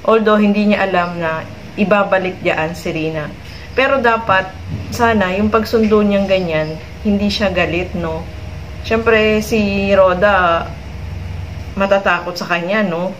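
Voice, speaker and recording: A woman comments conversationally for her audience, and her remarks often end in tag questions. Her pitch sits in a middle range. A faint noise runs underneath. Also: measured pace, pauses often, muffled recording. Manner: chatty, with frequent tag questions. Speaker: vlog host commenting on a clip.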